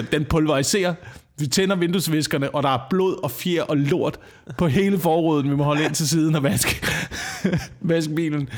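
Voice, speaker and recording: Dry, storytelling podcast co-host. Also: male voice, a little high. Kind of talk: casual podcast chat, anecdotes.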